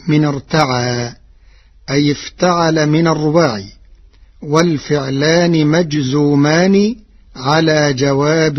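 A man from Egypt teaches in a slow, deliberate radio lesson, weighing each word. His voice is husky and a little high. The recording is dull and lo-fi, like an old broadcast. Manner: slow, measured, precise explanation. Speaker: Quran readings teacher. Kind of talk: radio lesson on Quran readings.

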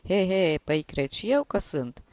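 A man's voice: sits high, very animated, a little mellow, dry recording, highs cut off. A man voicing a tipsy old male journalist with a reedy tenor voice, giving rambling, sentimental toasts. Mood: nostalgic.

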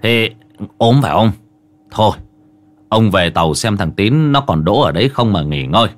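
A man's voice: lowish voice, animated, normal speed, dry recording, close to an everyday voice. A man voicing a concerned older boat worker who talks in a bossy, caring way.

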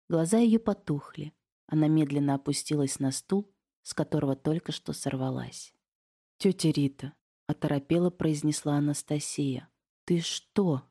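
A woman reads a detective novel aloud as an audiobook. Her voice sits low and warm. She narrates in a calm, firm and measured way.

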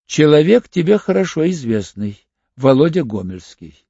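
Man reading a hoarse, cagey old crook. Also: a little high, very animated, normal speed, dark tone, dry recording, muffled recording, full character voice. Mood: cagey, bargaining. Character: sly, wary older male crook, haggling.

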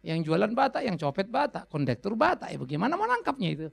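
A male pastor from Indonesia delivers a lively sermon in a high, gravelly voice. He swings widely in pitch, acts out little voices and slips into English phrases. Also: fast talker. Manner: animated, switches into playful voices and English phrases.

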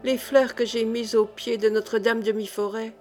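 A shy, devout young girl speaks softly and innocently, as a woman reader gives her lines. Her voice sits fairly high. This is an audiobook of a classic novel. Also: level tone, moderate pace, faint music behind, natural voice. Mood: anxious. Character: timid pious young girl, childlike. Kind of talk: audiobook character reading.

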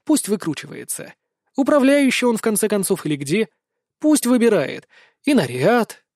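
Male audiobook narrator, high voice, dry close recording. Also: sing-song, moderate pace, darkish tone, no room sound. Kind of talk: scripted narration.

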